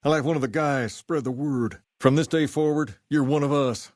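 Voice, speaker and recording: A man playing a self-assured, folksy gang boss in a video game, with a Southern US accent and a measured way of talking. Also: a little high, darkish tone, dry recording, studio quality, natural voice. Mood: easygoing, assured. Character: charismatic, folksy male gang boss styled on a rock-and-roll idol. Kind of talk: video game character dialogue.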